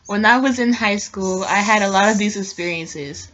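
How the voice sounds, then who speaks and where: A woman's voice: medium pitch, moderate pace, fairly bright tone, highs cut off. A young woman reading a ghost story aloud in a casual vlog, chatty and sometimes stumbling on words. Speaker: co-host reading scary stories.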